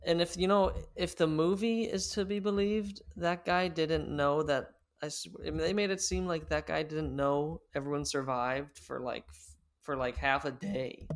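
A man's voice: fairly high pitch, fairly even intonation, normal speed. A man co-hosting a casual podcast, making wry remarks with trailing asides. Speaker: podcast co-host.

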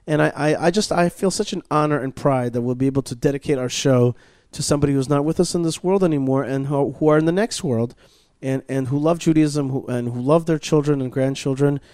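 A man's voice: fairly high pitch, brisk, darkish tone, no room sound. Rambling male radio host, dry sound. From Israel. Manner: rambling, many restarts and fillers. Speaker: podcast host. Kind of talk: casual radio show chat with plugs. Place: studio at a learning center.

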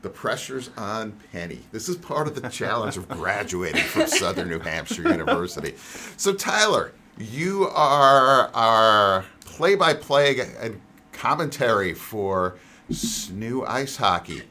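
Deep-voiced man in his sixties hosting. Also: big pitch swings, measured pace, pushed and bright, a little hiss or hum. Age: 60s. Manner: playful, teasing his guests. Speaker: podcast host. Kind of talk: podcast interview with a scripted intro.

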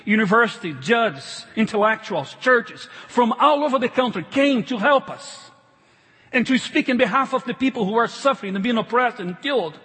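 A middle-aged male pastor, whose first language isn't English, preaches a sermon in English with a foreign accent. His high, husky voice is animated, pushed and bright, emphatic yet halting as he doubles back on phrases. Long reverb rings around him in a large hall.

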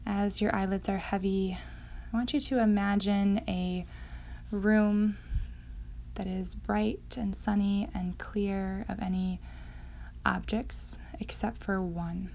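A woman leading a guided meditation in a slow, hypnotic, soothing manner with long pauses, her voice going breathy at phrase ends. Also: mid-range voice, steady tone, darkish tone. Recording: dull sound, faint background noise.

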